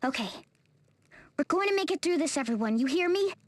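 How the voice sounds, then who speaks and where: A woman's voice: high-pitched, expressive, a little fast, dry recording. A woman voicing a strong-willed young heroine in a video game, plain-spoken and commanding but caring. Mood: relieved, caring.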